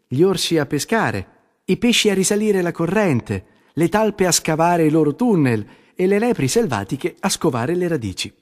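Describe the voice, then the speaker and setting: A man narrating a children's storybook in an animated, sing-song way, with playful chuckles. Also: a little high, big-room sound.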